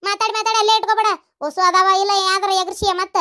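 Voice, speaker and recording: Cartoon: actor playing a scheming, boastful mother-in-law; very high, shrill, North Karnataka accent, scolding. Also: level tone, very fast. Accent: North Karnataka Kannada. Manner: scolding, sharp-tongued, boastful. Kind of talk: comic cartoon voice acting.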